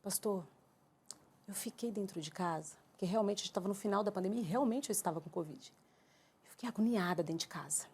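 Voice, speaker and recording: A Brazilian woman giving an emotional church testimony, telling her story with lively acted-out dialogue. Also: mid-range voice, fast, husky. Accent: Brazilian Portuguese. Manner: animated storyteller acting out her own quoted dialogue.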